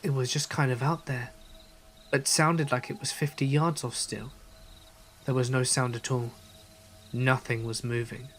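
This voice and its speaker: A man reading a first-person scary story aloud in a steady, measured storytelling manner. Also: medium pitch, faint music behind. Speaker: narrator. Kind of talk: scripted horror story narration.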